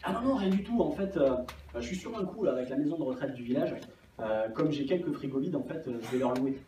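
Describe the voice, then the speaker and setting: A man playing a supermarket manager in an improvised comedy sketch, deadpan and often giggling. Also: mid-range voice, fast talker, lightly acted. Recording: echoey room recorded from a distance, noisy.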